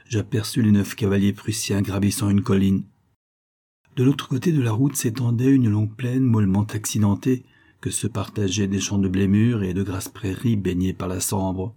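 A man reading an audiobook aloud, telling a first-person adventure with expressive, dramatic swells. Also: fairly low pitch, breathy edge. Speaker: audiobook narrator. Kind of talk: scripted audiobook narration.

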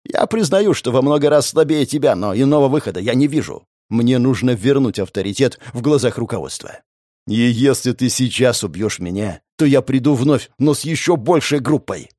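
A man's voice: medium pitch, lively intonation, normal speed, mellow, no echo, clean studio sound, close to an everyday voice. A man reading the part of a desperate male guild general who begs in a shaking voice for his daughters' sake. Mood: pleading. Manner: trembling, pleading.

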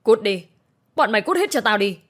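A woman's voice: mid-range voice, lively intonation, a little fast, close to an everyday voice. Woman voicing a foul-mouthed, spiteful middle-aged mother. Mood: contemptuous. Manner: harsh, cursing, scornful.

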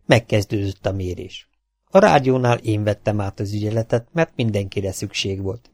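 A Hungarian man narrates an audiobook in a steady, measured read. His voice is low, and the close, dry recording has almost no room sound. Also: dry recording. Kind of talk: scripted narration.

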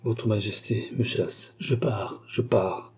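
A man's voice: lowish voice, slow, darkish tone, husky, exaggerated voice. A man voicing a despairing young nobleman who murmurs and pleads in a faltering voice.

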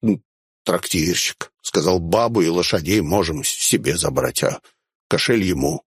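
A man voicing a cowardly, jittery male road bandit who stammers with filler sounds and turns shrill when scared, in a story reading. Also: normal speed, husky, no echo, clean studio sound. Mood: cowed.

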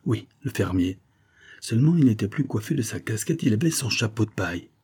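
A man's voice: fairly low pitch, lively intonation, fairly quick, darkish tone, slightly rough, exaggerated voice. A man reading aloud, voicing a sly, scheming male servant with a knowing, evasive manner.

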